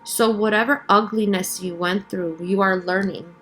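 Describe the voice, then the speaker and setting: A woman doing a casual, channeled tarot reading as a spiritual guide, speaking in a halting, reflective, reassuring way and often checking in with the listener. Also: mid-range voice, steady tone, fairly bright tone, faint music behind, poor audio.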